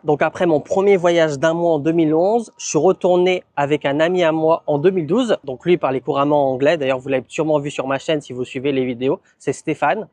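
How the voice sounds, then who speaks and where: A man vlogging in a relaxed, conversational way, with frequent fillers as he recounts his experiences. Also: on the high side, fairly quick, hardly any pauses, no echo. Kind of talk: casual vlog narration.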